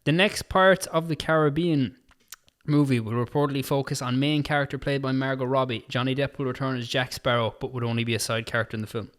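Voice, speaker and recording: A man's voice: medium pitch, fairly even intonation, a bit bright. A man co-hosting a podcast, running through entertainment news in casual, chatty talk full of "like". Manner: chatty, quick news roundup with frequent "like" and laughs. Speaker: podcast co-host. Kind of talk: casual chat.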